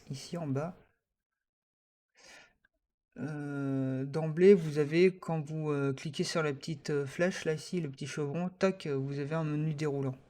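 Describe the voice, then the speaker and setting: Voici un homme qui enseigne un logiciel dans un tutoriel enregistré sur écran. Sa voix est légèrement aiguë pour un homme. Il a un français, il hésite souvent et il décrit chaque clic au fur et à mesure. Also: male voice, on the high side, mellow. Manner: hesitant, many fillers, talks through each click. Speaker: software tutorial teacher. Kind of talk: screen-recorded software tutorial.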